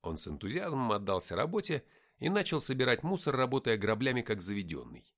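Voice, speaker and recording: A man reading a first-person adventure audiobook, with lively, dry-humored storytelling. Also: medium pitch, a little fast. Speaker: audiobook narrator.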